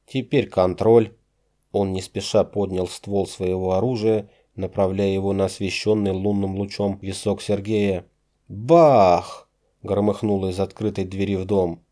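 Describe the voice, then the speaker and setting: Male audiobook narrator, low and mellow, measured and dramatic. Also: monotone. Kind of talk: scripted narration.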